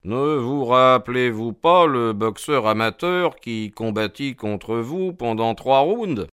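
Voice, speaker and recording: A man voicing a sharp, confident male detective who speaks in an affable, assured way. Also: mid-range voice, expressive, slow pace, clear, resonant tone, dry recording, clean studio sound, voice pushed up.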